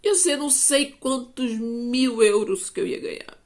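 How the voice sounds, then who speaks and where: Brazilian woman in her 50s, vlogger, animated testimony, high-ish voice. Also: measured pace. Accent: Brazilian Portuguese. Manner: animated storytelling, acting out dialogue. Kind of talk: personal testimony.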